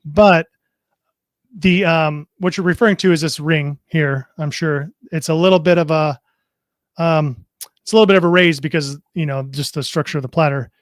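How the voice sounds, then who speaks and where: A man's voice: on the high side, fairly even intonation, moderate pace, no room sound, studio quality. A man on a casual livestream, chatty and friendly, explaining gear with many fillers. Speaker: product specialist guest. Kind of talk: casual livestream chat and product demo.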